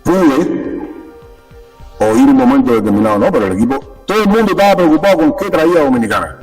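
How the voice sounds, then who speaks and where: A man's voice: medium pitch, very animated, a little fast, darkish tone, breathy edge, far from the mic, soft background music, rough recording. A Cuban-born man speaking as a sports official guest in a conversational interview, emphatic and repeating his key points. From Cuba.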